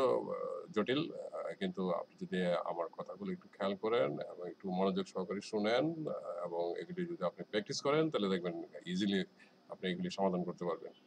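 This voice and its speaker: A man's voice: fairly low pitch, rough recording. A man teaching an exam listening lesson in a casual, rambling way, full of hesitations and repeated filler words. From Bangladesh. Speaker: IELTS teacher.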